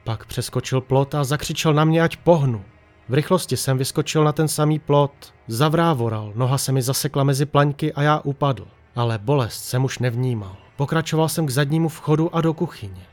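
A man narrating a horror story in a tense, hushed storytelling manner. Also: medium pitch, faint music behind.

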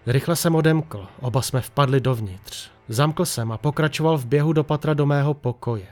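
A man narrating a horror story in a tense, hushed storytelling manner. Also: mid-range voice, faint music behind.

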